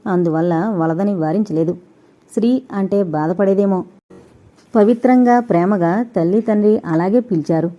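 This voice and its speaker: A woman narrating a novel in a slow, measured, expressive reading. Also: medium pitch. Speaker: audiobook narrator. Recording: dull lo-fi recording.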